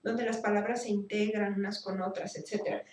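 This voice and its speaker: A woman teaching a speech therapy class, explaining slowly and thinking aloud with fillers and restarts. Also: mid-range voice, little pitch movement, a little mellow, a little hiss or hum. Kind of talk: recorded class lecture. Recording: echoey room, voice from a distance.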